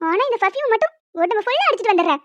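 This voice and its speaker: A woman's voice: extremely high pitch, big pitch swings, rapid-fire, fairly bright tone, no echo, heavily acted. A woman voicing quarrelsome young female college students in a cartoon, bickering and teasing. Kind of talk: cartoon voice acting. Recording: dull lo-fi dry sound.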